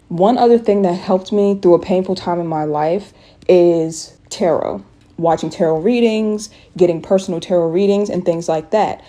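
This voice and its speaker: A woman's voice: fairly low pitch, dark tone. A young woman YouTuber talking earnestly and encouragingly to her viewers, with many "you know"s and "like"s. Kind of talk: casual talk to camera with a voiceover.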